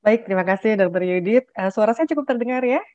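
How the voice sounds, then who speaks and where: A woman's voice: medium pitch, fast, no room sound. Chatty woman giving a webinar opening. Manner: warm, chatty, with tag "ya" and "nih". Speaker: head of a clinical psychologists' association. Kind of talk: formal webinar opening speech. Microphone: video call. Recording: muffled dry video-call audio.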